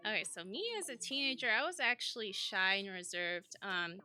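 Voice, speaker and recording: A woman's voice: mid-range voice, expressive, pushed and bright. A woman, a podcast guest who talks in an upbeat, giggly way. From Chicago, USA. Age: 20s. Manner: upbeat and giggly, quick with laughs. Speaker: guest, model. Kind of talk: casual interview chat.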